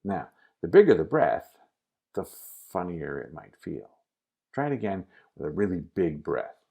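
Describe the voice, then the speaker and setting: A man's voice: deep voice, big pitch swings, moderate pace, vocal fry, narrow, tinny audio. A man giving a casual acting lesson, coaching the listener directly through a scene. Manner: casual instructive, addresses the student directly. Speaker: acting teacher.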